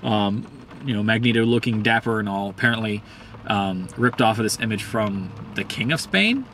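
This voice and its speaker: A man giving a casual, profane, heated commentary, rambling with many fillers and swinging up in pitch when worked up. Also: animated, normal speed, a bit bright, slight background noise. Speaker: host.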